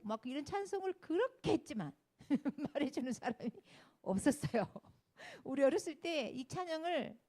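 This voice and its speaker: A woman's voice: mid-range voice, warm tone. A woman in her fifties teaching a children's Sunday school sermon, telling stories, acting out the people she quotes and asking the children questions. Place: church classroom.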